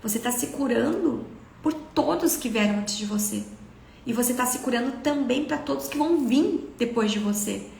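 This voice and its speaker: A woman's voice: fairly high pitch, moderate pace, gravelly, darkish tone, roomy sound, a little hiss or hum. A Brazilian woman hosting a casual live stream, talking earnestly and expressively about spiritual healing and telling personal stories. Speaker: spiritual self-development host.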